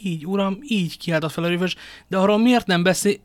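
Guy doing a panicky cloth merchant, high squeaky pleading, super dry sound. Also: no echo, lightly acted. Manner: pleading, frantic. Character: panicked middle-aged male cloth merchant.

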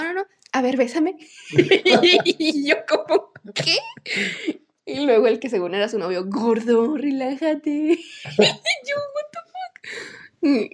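A young Mexican woman co-hosting a podcast, telling stories animatedly, acting out quotes and laughing often. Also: high voice. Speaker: podcast co-host. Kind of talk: casual chat.

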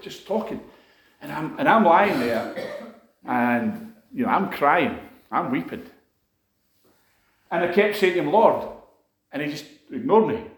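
A man preaching to a congregation, telling a personal testimony in a conversational, emotional way, with frequent fillers and restarts. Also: fairly high pitch. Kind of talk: sermon testimony. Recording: echoey room.

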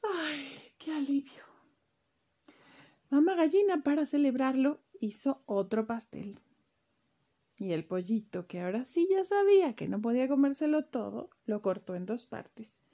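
A woman tells a children's story with lively sound effects and voices. Her voice is high and light, with a soft breathy edge. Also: moderate pace.

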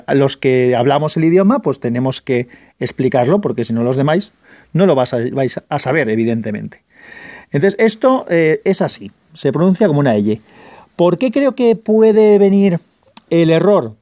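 Valencian man explaining, higher-pitched, mellow. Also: very animated, no room sound. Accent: Valencian Spanish. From Valencia, Spain. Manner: patient, restates and clarifies points with frequent "eh" pauses. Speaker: channel host. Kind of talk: casual explainer monologue.

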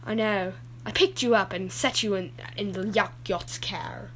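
A woman's voice: medium pitch, measured pace, heavy background noise, close to an everyday voice. A woman voicing a goofy, rambling adult male dad who keeps getting sidetracked in his story.

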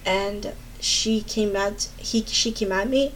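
A woman's voice: mid-range voice, takes it slowly, a little hiss or hum, low-quality recording. A woman casually telling a personal story and giving earnest advice, speaking candidly, swearing freely, and often restarting her sentences. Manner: earnest and urging. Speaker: advice giver.

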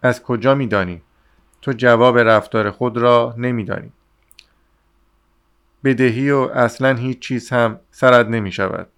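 A man reading the lines of an exasperated young man who shouts at and scolds his friend. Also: medium pitch, steady tone, long pauses, clear, resonant tone, close to an everyday voice. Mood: scolding.

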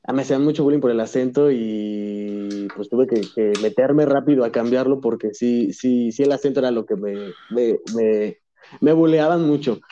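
A man as a podcast guest, talking in a relaxed, laughing way, with many repeats and restarts. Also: mid-range voice, moderate pace, muffled recording. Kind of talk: casual interview chat.

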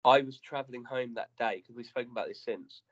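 A slightly dull, lo-fi recording of a British man hosting a casual chat. He speaks at a middling pitch with dry, teasing banter. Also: fast. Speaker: podcast host.

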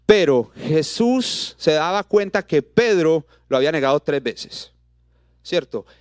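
A man with a Colombian Spanish accent preaching a sermon, throwing out rhetorical questions and dropping to soft, intimate tones for the words of scripture. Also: on the high side, expressive, a little slow, no room sound, clean studio sound. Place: church auditorium. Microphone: handheld microphone.

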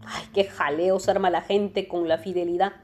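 A woman voicing a witty, languid aristocratic gentleman who talks with a dreamy, ironic drawl in a storybook reading. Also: fairly low pitch, flat delivery, normal speed, soft background music, close to an everyday voice.

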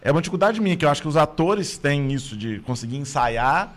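Talking fast with lively intonation, this fairly high-voiced man is a comic in relaxed conversation. He goes into long, considered explanations of how he works, backing up and restarting as he goes.

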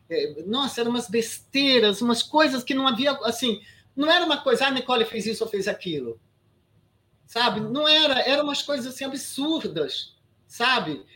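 A woman's voice: on the high side, normal speed. Emphatic Brazilian woman in her sixties. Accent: Brazilian Portuguese. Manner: emphatic, animated, frequent restarts and "sabe?" asides. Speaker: guest actress. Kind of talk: casual interview storytelling.

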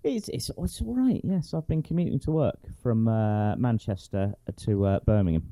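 A man with a northern English accent co-hosting a comedic podcast chat, talking nonsense in a deadpan way. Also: fairly low pitch, moderate pace, no echo. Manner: deadpan, absurd. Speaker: podcast co-host.

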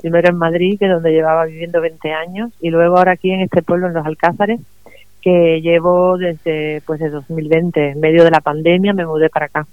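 A middle-aged woman from Cuba, a guest writer speaking warmly and laughing often in a remote radio interview. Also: low-pitched, flat delivery, fairly quick, clean tone, dry recording, narrow, tinny audio. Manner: warm, enthusiastic, laughs often.

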